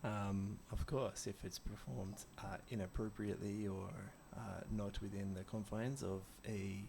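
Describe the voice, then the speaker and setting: A man's voice: lowish voice, steady tone, unhurried, creaky, darkish tone, slight background noise, pitched below the performer's own voice. A man voicing a pompous, learned male magic scholar who lectures loftily, hedging with fillers. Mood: lecturing.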